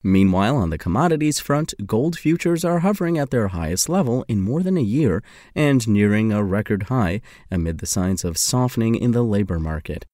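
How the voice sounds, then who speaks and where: A man reading scripted financial news in a formal, measured manner. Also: on the low side, expressive, dark tone, no room sound, clean studio sound. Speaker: news reader.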